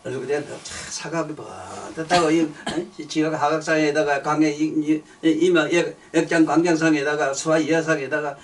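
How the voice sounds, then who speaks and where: An older man preaches, his voice pitched high for a man. He rants bluntly, cursing and circling back over the same words. He sounds set back from the microphone. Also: steady tone, moderate pace, hardly any pauses, recorded from a distance, slight background noise. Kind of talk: sermon.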